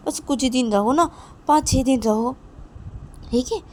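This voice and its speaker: An anxious young woman lover, put on by a woman telling the story begs again and again. Her pleas climb high, with faint hiss behind them. It is plain amateur storytelling, not polished acting. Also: a little slow, darkish tone. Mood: persuading. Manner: repeats pleas over and over. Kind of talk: amateur story narration with voices.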